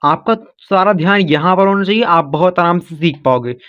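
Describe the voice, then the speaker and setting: High-voiced man teaching reading patiently. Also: normal speed, smooth. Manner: patient, repetitive, addresses viewers as children. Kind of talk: classroom-style phonics lesson. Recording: dull lo-fi sound.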